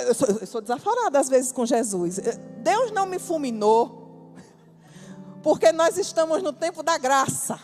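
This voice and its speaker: A woman preaching a testimony, her fairly high voice swinging up and down as she acts out the story. A long church-hall reverb hangs on every phrase, with soft music underneath. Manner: lively storytelling, acts out dialogue, bursts of emphasis. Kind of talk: sermon testimony.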